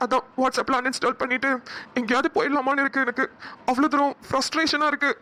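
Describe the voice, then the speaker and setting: A lonely, heavy-hearted young man in a cartoon, played by a woman. The voice sits high and the words come fast. He sounds mournful and worn down. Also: fairly even intonation, bright, forceful tone. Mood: sad, lonely. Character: sad lonely young man, caring brother. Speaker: cartoon voice actor. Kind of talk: Tamil cartoon dialogue.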